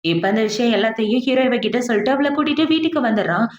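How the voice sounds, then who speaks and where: A woman narrating a drama recap in a brisk, chatty way, acting out the quoted lines as she goes. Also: a little high, lively intonation, echoey room. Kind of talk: casual storytelling recap of a drama.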